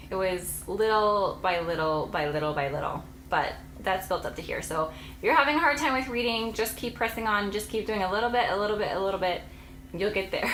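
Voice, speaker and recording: Chatty young mom in an echoey room. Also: female voice, medium pitch, a bit bright, slight background noise. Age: late 20s. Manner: chatty, rambling, laughs often. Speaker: homeschooling mom vlogger. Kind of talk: casual chat to camera.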